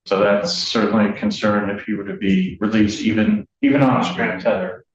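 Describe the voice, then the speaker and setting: A man making a measured, cautious argument in court, caught on a courtroom recording. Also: fairly low pitch, steady tone, background noise. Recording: echoey courtroom, distant, dull audio.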